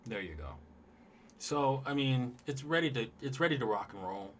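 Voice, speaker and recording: A man's voice: medium pitch, animated, normal speed, a little hiss or hum. A man hosting a casual livestream, talking loosely and in a rambling way straight to his viewers as he looks over charts. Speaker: livestream host.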